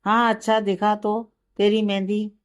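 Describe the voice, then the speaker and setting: A woman's voice: medium pitch, flat delivery, a little slow, natural voice. A woman voicing a cheerful caring sister-in-law. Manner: warm, encouraging.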